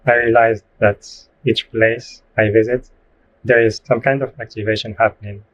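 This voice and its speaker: A man's voice: fairly low pitch, flat delivery, normal speed. A man from Morocco, a guest spiritual guide, speaking in a thoughtful interview and now and then searching for his words. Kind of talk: casual interview talk. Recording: dull, lo-fi remote audio with faint noise.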